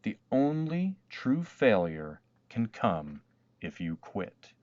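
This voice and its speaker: Low, unhurried male storyteller. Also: sing-song, darkish tone, no room sound, muffled recording. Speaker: storybook narrator. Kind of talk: rhyming read-aloud narration.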